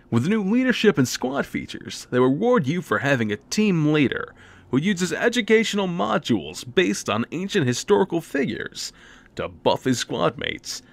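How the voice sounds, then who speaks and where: A video game reviewer narrates a scripted game preview with theatrical, wry, emphatic delivery. His voice is fairly high-pitched and creaky.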